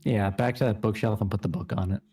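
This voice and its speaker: A man's voice: fairly low pitch, fairly even intonation, quick pace, dark tone, breathy edge. A man in casual gameplay chat, guiding the player as a co-streamer.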